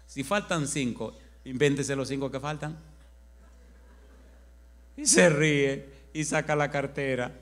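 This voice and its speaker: A man preaching as pastor in a church, telling a story animatedly and acting out the other people's words in dialogue. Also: fairly high pitch. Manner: slow emphatic altar call. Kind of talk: sermon with acted-out anecdote.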